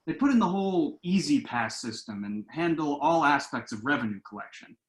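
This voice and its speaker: A man with a fairly high voice and big pitch swings plays a self-assured son explaining his dodgy business plans at a table read. He speaks at normal speed, sounding earnest and confident, and the home recording echoes around the room.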